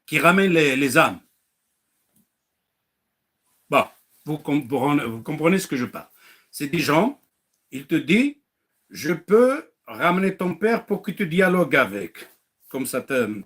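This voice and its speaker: A man's voice: fairly high pitch, fairly bright tone. A man preaching to listeners in French, acting out little dialogues, firing rhetorical questions and mocking now and then. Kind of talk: animated religious talk.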